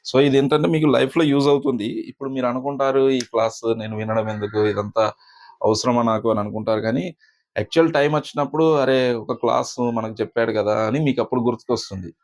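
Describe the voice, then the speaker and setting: A man teaching a spoken pronunciation lesson, explaining slowly with many pauses and fillers. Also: medium pitch, steady tone, darkish tone. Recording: slightly dull lo-fi recording.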